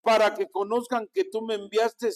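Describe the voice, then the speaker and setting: A man's voice: high voice, little pitch movement, moderate pace. A man with a Mexican Spanish accent, a pastor preaching a sermon and calling on his congregation to repeat after him. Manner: preaching with call-and-response to the congregation.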